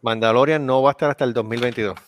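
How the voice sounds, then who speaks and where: A man's voice: mid-range voice, fairly even intonation, rapid-fire. Host, man, laid-back, mixes English in. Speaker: podcast host. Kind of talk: casual chat.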